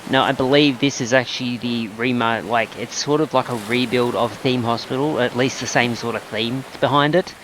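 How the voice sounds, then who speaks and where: A man's voice: medium pitch, steady tone, moderate pace, hardly any pauses, noisy background. A man hosting a gaming channel, chatting casually and rambling with plenty of fillers as he plays. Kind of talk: casual gameplay commentary.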